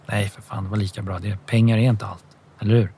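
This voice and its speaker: Coarse young tough in an audiobook, read by a man, low and husky. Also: level tone, mellow. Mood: gruff. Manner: gruff, coarse. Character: rough young man, former bully.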